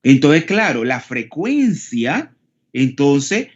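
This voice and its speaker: A man's voice: mid-range voice, sing-song, slow pace. A man with a Panamanian Spanish accent, teaching an online class and explaining step by step while he keeps checking in with his students. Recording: dull lo-fi call audio.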